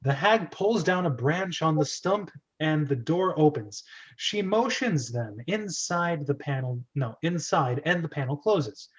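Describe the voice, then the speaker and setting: The host and narrator of a script reading club, a man with a higher voice, leads a casual amateur reading with commentary. He is animated yet unhurried, playful and chatty, often interrupting himself.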